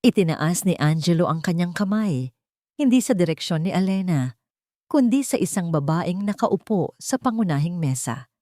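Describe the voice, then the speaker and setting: With a fairly low, mellow voice, this woman narrates a scripted romantic drama in a measured, solemn yet expressive way. The sound is dry, with no echo and very little room.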